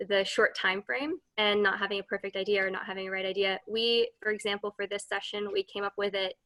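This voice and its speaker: A woman who organized the session cheers the teams on over a video call. Her voice is bright and sharp, and her talk is quick and reassuring. The sound is dry and close. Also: mid-range voice, no echo. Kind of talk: encouraging remarks on a video call.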